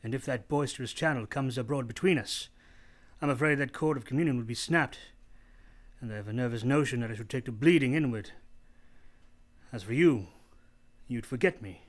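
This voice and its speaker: In a radio play, a man portrays a brooding, teasing gentleman master who is in love, with a formal, theatrical delivery and a tender mood. His voice is mid-range, slightly fast, and lightly acted.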